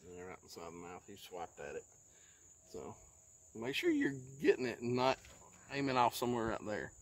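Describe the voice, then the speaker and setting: A man's voice: huge pitch swings, moderate pace, vocal fry, a little hiss or hum. Easygoing man on a lake dock. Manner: easygoing, often talks low and hushed. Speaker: fishing vlogger. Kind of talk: casual outdoor chat. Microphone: handheld phone camera.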